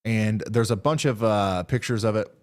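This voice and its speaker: A low-voiced man anchors a live severe weather broadcast. His commentary is unscripted and halting, as if he is thinking aloud while he reads the screen and passes on warnings. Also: a little mellow. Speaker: live weather stream host.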